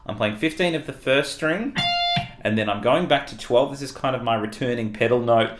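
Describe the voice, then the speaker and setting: An Australian man teaching a guitar solo in a relaxed, explanatory way, counting notes aloud. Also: medium pitch, fairly quick. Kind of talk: guitar lesson walkthrough. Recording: roomy sound with loud guitar music.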